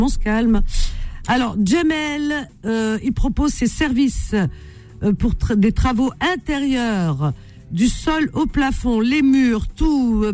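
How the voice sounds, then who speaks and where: A woman hosting a live call-in radio classifieds show, talking quickly in a chatty, teasing way and repeating callers' details. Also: medium pitch, dark tone.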